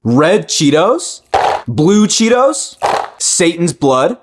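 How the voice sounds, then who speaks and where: A young man announcing food-challenge items one by one in clipped, deadpan short phrases. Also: a little high, very slow, background noise. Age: young adult.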